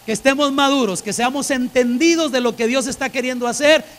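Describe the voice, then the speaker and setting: A man's voice: very high voice, a little fast, a bit bright. A man preaching a sermon to a church congregation, repeating phrases for emphasis and asking the listeners direct questions. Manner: emphatic, repeats phrases to drive points home.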